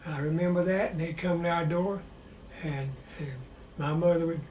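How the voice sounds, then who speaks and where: Elderly Southern veteran remembering, high-pitched voice. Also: male voice, steady tone, a little mellow. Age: 90s. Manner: old veteran remembering, plainspoken and halting. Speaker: war veteran being interviewed. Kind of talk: personal reminiscence in an interview. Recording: roomy echo with faint background noise.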